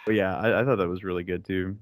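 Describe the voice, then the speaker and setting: A man's voice: deep voice, steady tone, fast. A man hosting a podcast, chatting casually about movies in a rambling way with lots of fillers. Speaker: podcast host.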